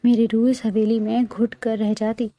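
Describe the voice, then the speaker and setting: A woman's voice: fairly high pitch, level tone, mellow, no room sound, highs cut off, natural voice. A woman voicing a possessive, teasing young Pathan husband in a storybook romance, with an intense, playful manner.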